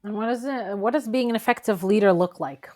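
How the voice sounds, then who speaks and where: A woman's voice: medium pitch, a little fast, a little mellow. Upbeat woman podcast host. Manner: upbeat, says "awesome" often. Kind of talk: interview hosting.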